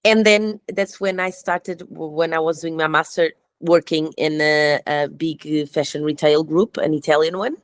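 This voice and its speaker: A woman's voice: deep voice, fairly even intonation, normal speed, few pauses, no echo. A woman with a Portuguese accent, a guest on an interview podcast, telling her story in English with many hesitations and restarts. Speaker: guest, fashion entrepreneur.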